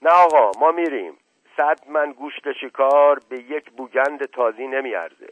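A man's voice: mid-range voice, dry recording, lightly acted. A man voicing a streetwise working-class shoe-shiner who talks bluntly and proudly. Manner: blunt, proud, quick retorts. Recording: tinny phone-like radio sound.

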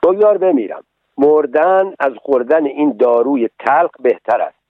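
A man voicing a stubborn, whiny wooden puppet boy in a storybook reading, with high, pleading protests over a tinny radio broadcast. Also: no room sound, close to an everyday voice. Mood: panicked.

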